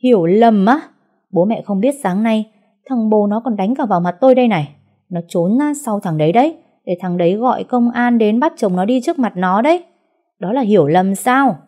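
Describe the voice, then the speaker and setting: A woman voicing a violent young husband who shouts and threatens his in-laws. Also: fairly low pitch, animated, fairly quick. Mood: furious. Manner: loud, rough and threatening.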